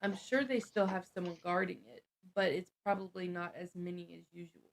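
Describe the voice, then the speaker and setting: A woman with a low, gravelly voice talks casually as a player at a tabletop game. She thinks aloud and hesitates as she lays out her plans. A faint hiss runs under her voice. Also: a little fast, rough recording.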